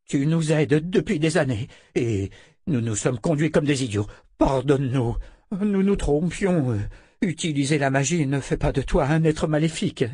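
A man's voice: a little high, lively intonation, normal speed, mellow, breathy edge, no room sound, clean studio sound, pitched above the performer's own voice. A man reading a French audiobook, voicing a frightened grown man who pleads urgently in a raised voice. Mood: pleading.

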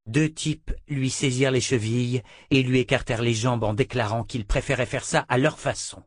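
A man narrating an audiobook in a measured, even storytelling manner. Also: medium pitch, no room sound, studio quality.

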